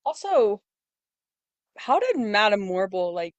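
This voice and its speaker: A woman's voice: mid-range voice, big pitch swings, takes it slowly, dry recording, highs cut off. A young woman co-hosting a podcast, chatting casually and mostly giving short, laid-back agreeing replies. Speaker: podcast co-host. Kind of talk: casual movie review chat.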